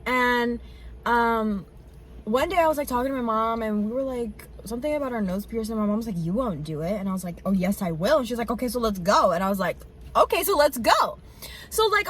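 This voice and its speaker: A woman's voice: mid-range voice, slight background noise. A woman in her twenties telling a long story in casual chat, full of "like" fillers and swearing. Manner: fast chatty storytelling, many "like" fillers, swears. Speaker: co-host.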